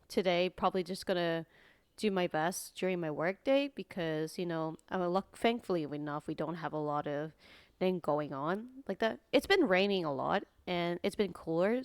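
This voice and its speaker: Sleepy woman with a deep morning voice. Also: clean tone, no room sound. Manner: rambling, many fillers. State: sleepy, just woke up. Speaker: streamer. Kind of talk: casual chat stream.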